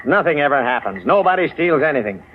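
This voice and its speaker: An actor playing a gruff, sarcastic police inspector in an old radio drama. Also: male voice, fairly high pitch, big pitch swings, fast. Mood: grumbling. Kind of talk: 1940s radio acting. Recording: dull old radio recording with faint hiss.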